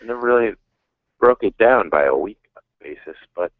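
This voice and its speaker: A man in his thirties calls in for a casual chat, talking frankly and rambling about himself with self-deprecating humor. His fairly low voice is animated at a moderate pace with no echo, but the phone line sounds dull.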